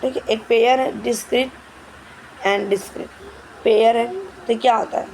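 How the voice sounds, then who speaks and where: A woman's voice: a little high, steady tone, a little mellow, slight background noise, rough recording. A woman teacher explaining English grammar questions in Hindi, stepping through each answer and often checking with "ठीक है". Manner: reads English questions slowly and carefully.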